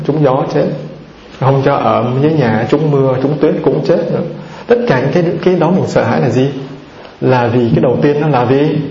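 A man teaches as a Buddhist monk in a dharma talk, his voice gravelly and rough. He runs through terms one by one and asks the audience questions before answering them. The recording is roomy and muffled. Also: medium pitch, darkish tone. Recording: roomy, dull, slightly noisy recording.

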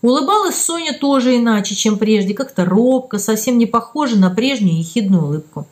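A woman narrating a children's story as an audiobook, reading in an expressive storytelling way. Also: a little high, fairly quick.

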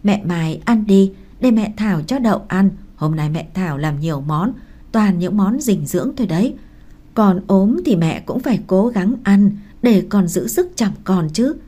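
A woman's voice: medium pitch, expressive, moderate pace, mellow, natural voice. A woman reading the lines of a caring young woman who coaxes a tired mother to eat, in an audiobook. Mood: coaxing. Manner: coaxing, practical. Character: caring sister-in-law, brisk and encouraging.

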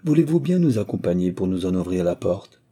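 A man's voice: sits low, big pitch swings, a little fast, dark tone, full character voice. A man reading an audiobook, voicing a wry, authoritative police agent who speaks with dry irony. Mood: ironic.

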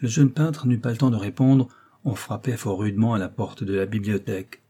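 Male audiobook narrator, husky and low, measured literary delivery. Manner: measured, expressive reading.

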